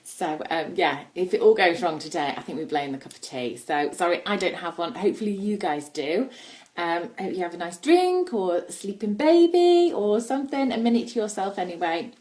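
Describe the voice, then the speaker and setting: A Yorkshire woman from northern England hosts a casual live baby play demo indoors at a family house, chatting informally and explaining things in her northern English accent. Her voice sits on the low side, darkish and sing-song, at a moderate pace.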